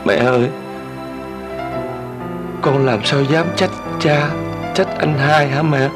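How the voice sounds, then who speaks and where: A man's voice: mid-range voice, takes it slowly, natural voice. An actor playing a grown son who pleads with his mother before leaving home for the city, in an emotional TV drama. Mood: anguished. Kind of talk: TV drama acting. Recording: soft music score behind.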